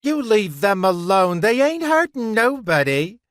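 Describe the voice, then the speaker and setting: A frightened woman begs in a high, shrill, pleading voice, as a man reading the story puts her on. She sounds like a character from an old crime tale. The recording is dry and close. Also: very animated, unhurried, no echo. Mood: coaxing.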